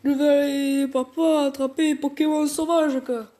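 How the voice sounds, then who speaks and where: A woman voicing a young neighbor girl in a gruff deep voice with a southern French accent, halting at the start of lines. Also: flat delivery, dark tone, lightly acted. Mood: shy.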